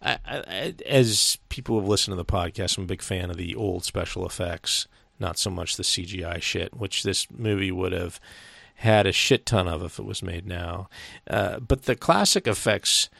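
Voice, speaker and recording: Low, gravelly man, blunt podcaster. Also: moderate pace, few pauses, a bit bright, no room sound. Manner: blunt, sweary, opinionated. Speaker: podcast co-host. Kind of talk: casual film chat.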